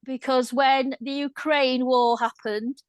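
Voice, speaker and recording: Here's a Welsh woman caller with a fairly high voice and a dry, close sound. She chats warmly and earnestly, sounding tearful and speaking straight from the heart. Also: fairly even intonation, takes it slowly, no room sound. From Wales. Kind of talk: casual video-call chat.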